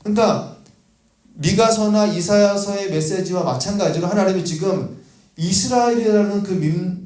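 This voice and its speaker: A man with a high-pitched voice preaching a sermon in earnest, now and then acting out the questions he is explaining. His voice rings through an echoey church room. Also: dark tone. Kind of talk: sermon at a prayer meeting.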